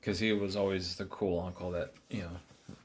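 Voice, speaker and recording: A man guesting on a casual movie chat, easygoing and soft-spoken with many fillers. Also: low voice, level tone, moderate pace, slight background noise.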